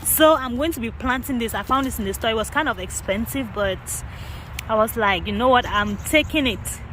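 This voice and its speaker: Woman from Cameroon, gardening vlogger, high-ish voice, chatty tour, wind and traffic noise outside. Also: normal speed, a bit bright, poor audio. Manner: chatty, addresses viewers as guys. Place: outdoor garden, windy.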